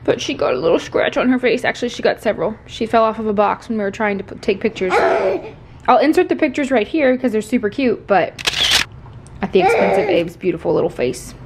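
Talking fast in a fairly high, expressive voice, a woman in her twenties from Texas vlogs about lifestyle from her home kitchen. She's upbeat and talks with her hands, filmed by a tripod-mounted camera across the room, with slight background noise.

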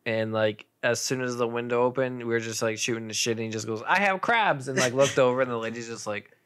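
A man's voice: medium pitch, flat delivery, fast talker, fairly bright tone, clear, resonant tone. A young man co-hosting a podcast, telling stories in a laid-back, matter-of-fact way. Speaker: podcast co-host. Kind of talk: casual chat.

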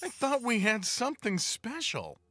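Salem, wisecracking cat. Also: male voice, very high voice, huge pitch swings, normal speed, a bit bright, faint music behind, heavily acted. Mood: sarcastic. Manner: sardonic, dry wisecracks.

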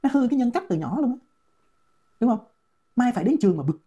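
A woman's voice: fairly high pitch, very animated, fast talker, warm tone, breathy edge. A woman with a Southern Vietnamese accent, giving a mocking, scolding commentary rant. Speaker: online commentator. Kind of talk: ranting commentary.

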